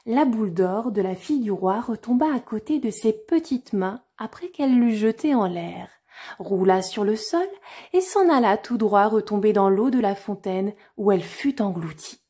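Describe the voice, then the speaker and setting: A woman storyteller reading a fairy tale aloud in a clear, expressive way. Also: medium pitch, normal speed.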